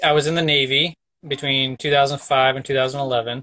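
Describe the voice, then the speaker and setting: A man in his thirties talks through his story in a loose, rambling, easygoing way. His voice is bright and clear, with a soft hiss of noise behind it. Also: medium pitch, little pitch movement, fast talker. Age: 30s. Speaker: sailing vlogger guest. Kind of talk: casual chat.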